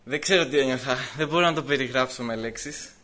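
In church, a man at a medium pitch shares his personal testimony, animating the story with laughs, pauses of hesitation and quoted lines he acts out.

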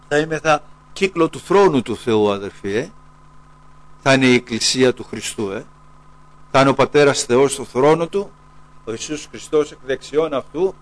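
A man preaching a sermon, who keeps tagging lines with a low, quiet "brothers, eh" and slows down to quote scripture. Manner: repeats "brothers, eh" as a dropping aside; rises in pitch when urging the listeners.

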